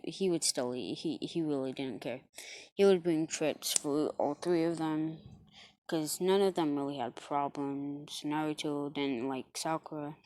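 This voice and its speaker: Halting low-voiced woman telling a fan story. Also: a little mellow. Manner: halting, self-correcting, many fillers and apologies. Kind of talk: rambling improvised fan-fiction narration.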